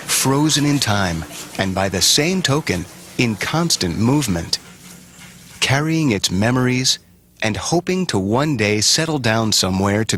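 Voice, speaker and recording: A man giving solemn, measured scripted narration for a documentary. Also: medium pitch, noisy background. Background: music.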